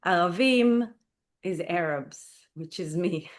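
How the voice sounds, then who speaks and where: This earnest guest, an Israeli playwright and performer, talks at a slow pace in a lowish voice during a talk radio interview. Her speech is full of "like" and "you know," and she's recorded through a studio microphone.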